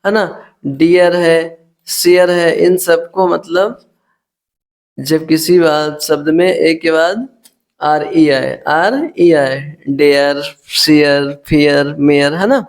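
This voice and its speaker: A man's voice: a little high, fairly even intonation, drawn-out words. A man teaching English pronunciation rules in Hindi, spelling words letter by letter and repeating each word as he addresses viewers as friends. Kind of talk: spoken phonics lesson.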